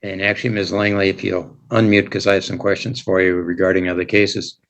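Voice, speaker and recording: An American man speaking as a judge in a court hearing, explaining rights and procedure in a measured, formal, plain-spoken way. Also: low-pitched, flat delivery, a bit bright, dull audio. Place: court hearing held over video call.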